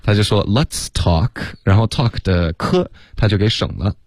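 A man's voice: lowish voice, animated, moderate pace, a little mellow, no room sound. A man teaching English pronunciation on a radio lesson, patient and explaining sounds step by step. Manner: patient, breaks sentences into sounds, slips into English. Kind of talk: radio lesson, co-hosted chat. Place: radio studio.

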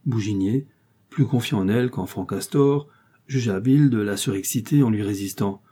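A man reading a comic classic short story aloud in a measured, lively storytelling manner. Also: lowish voice, breathy edge. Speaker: audiobook reader.

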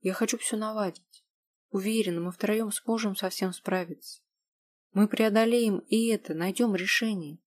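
A woman reading the part of a gentle young woman who pleads earnestly, with a husky voice. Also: mid-range voice, fairly even intonation, moderate pace, no echo, lightly acted.

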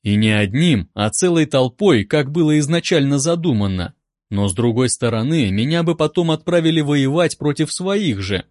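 A man calmly reading a first-person audiobook in an even, wry manner, close to a studio mic. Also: fairly high pitch, normal speed, no echo. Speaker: audiobook narrator.

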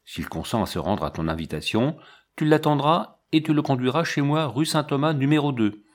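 A man's voice: mid-range voice, animated, brisk, voice pushed up, close to an everyday voice. A man reading the part of a stern, aloof army captain in his thirties, in a curt, commanding manner for an audiobook.

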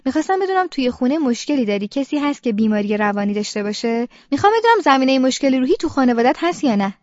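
A woman's voice: sits high, sing-song, a little mellow, dry recording, muffled recording. A woman narrating a first-person audiobook in an inward, present-tense monologue.

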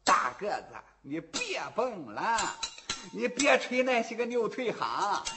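A man's voice: big pitch swings, slow pace, background noise, full character voice. A man muttering as a shrewd old bystander. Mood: teasing. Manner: mumbling, low and hushed, wheedling. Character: old male bystander, timid, shrewd, mocking. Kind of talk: traditional storytelling performance.

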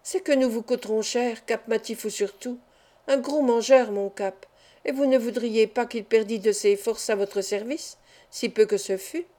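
Woman reader as jolly young male acrobat, chatty patter, warm tone. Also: on the high side, moderate pace, lightly acted. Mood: playful.

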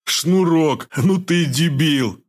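A man's voice: mid-range voice, brisk, voice pushed up, lightly acted. A paunchy armed thug who drawls crude street slang in a mocking, raised voice, as a male narrator puts him on. His manner is boorish and sneering, storybook audiobook style. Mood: mocking, coarse. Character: fat, coarse male thug in camouflage, mocking.

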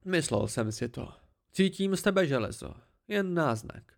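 A man's voice: fairly high pitch, expressive, gravelly, pitched above the performer's own voice. A man voicing an ancient, haughty tree-spirit oracle with a cold, dry, disdainful voice.

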